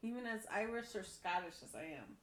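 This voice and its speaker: A woman's voice: mid-range voice, big pitch swings, brisk. A woman co-hosting a podcast in casual chat, teasing and joking with dry asides. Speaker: podcast co-host.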